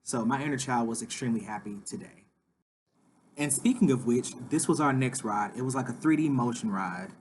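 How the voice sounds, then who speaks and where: A man's voice: mid-range voice, a little fast, noisy background. A man in his thirties, a father, chatty and upbeat as he narrates a family vlog voice-over, often saying "like". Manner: enthusiastic, chatty, says "like" a lot.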